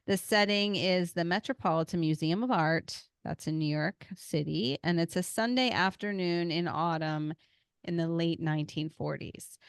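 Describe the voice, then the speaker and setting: A woman's voice: lowish voice, clean tone, dry recording, clean studio sound. A woman hosting a podcast in casual chat, talkative and self-deprecating. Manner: chatty, self-deprecating, laughs often. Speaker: podcast host.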